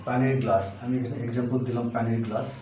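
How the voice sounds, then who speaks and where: A man teaching a language lesson, explaining step by step and repeating each word slowly, with fillers. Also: mid-range voice, fairly even intonation. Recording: echoey room, far from the mic, dull with faint hiss.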